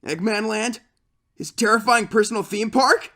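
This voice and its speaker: A man's voice: sits high, moderate pace, close to an everyday voice. A man voicing a cocky, good-hearted young hedgehog hero in a cartoon fandub, casual, confident and breezy. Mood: relenting, friendly. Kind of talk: cartoon comic fandub acting.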